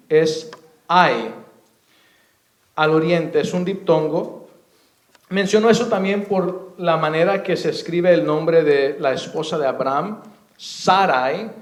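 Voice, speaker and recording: A man preaching a sermon as pastor, explaining scripture slowly and spelling out names and words. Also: a little high. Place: church. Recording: echoey church room.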